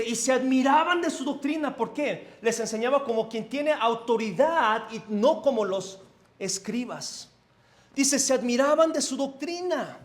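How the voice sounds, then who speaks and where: Male pastor, Mexico City accent, high voice, animated conversational sermon in a church. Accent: Mexico City Spanish. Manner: animated, asks the congregation questions, swings between loud and soft. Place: church sanctuary.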